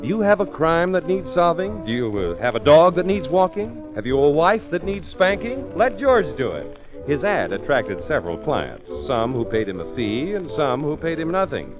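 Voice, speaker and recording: A man's voice: fairly high pitch, sing-song, normal speed. A man announcing and narrating an old 1940s radio show, with a polished, showy delivery and a dull old broadcast sound with music behind him.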